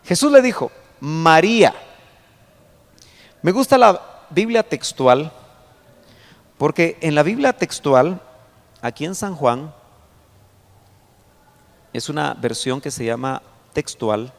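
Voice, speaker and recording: A male pastor gives a teaching sermon in a church hall, his fairly high voice swinging widely in pitch. He explains each verse patiently and reads scripture aloud with growing emphasis. A long reverb trails each phrase. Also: animated, vocal fry. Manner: explains verses slowly, pointing at a chart. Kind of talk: Bible study sermon.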